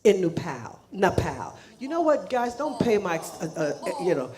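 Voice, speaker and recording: Speaking English as a second language, a woman makes casual announcements to a church congregation from the sanctuary. Her mid-range voice is very animated and a little mellow at a normal speed, and she chats and laughs with frequent restarts.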